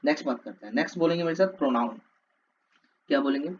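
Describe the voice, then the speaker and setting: A man teaching a class, asking questions and having the listeners repeat words back to him. His voice sits a bit high for a man. The audio is slightly dull and lo-fi, with a faint hiss behind it. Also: very fast. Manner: repetitive call-and-response drilling. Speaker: English teacher. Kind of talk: classroom lecture for exam prep.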